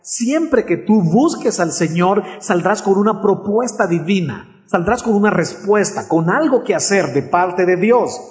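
A man's voice: sits high, lively intonation, measured pace, hardly any pauses, a little mellow. A man preaching a sermon in an earnest way, often asking his listeners questions.

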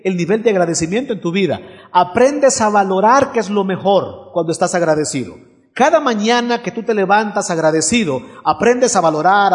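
A man delivers a sermon in a high voice, leaning on dramatic pauses and repeated phrases. His voice rings out with a long reverb, as from a large hall. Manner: preaching with dramatic pauses and repetition. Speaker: pastor.

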